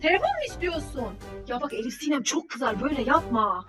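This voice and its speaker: A mother with a very high, bright-sounding voice. She exclaims and scolds in a staged family skit filmed at home. Soft music plays faintly underneath. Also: sing-song, fairly quick. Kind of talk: staged family skit, talking to her child.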